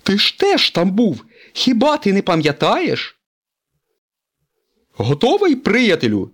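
A man voicing a boastful male tow truck daredevil in a storybook reading, in a high squealing voice with brash exclamations. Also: wildly swooping pitch, takes it slowly, exaggerated voice. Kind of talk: storybook character voice.

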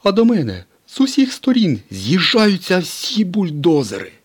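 A man voicing a boastful, folksy male tow truck who tells tall tales in a storybook reading, raising his voice higher and louder than his narration. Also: huge pitch swings, moderate pace, husky, full character voice. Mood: teasing.

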